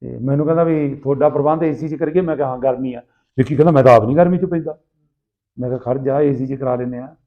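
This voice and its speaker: A man with a Malwai Punjabi accent casually telling anecdotes in rough, earthy, animated banter, acting out people's dialogue. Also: medium pitch, quick pace. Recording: tinny, phone-like narrow sound.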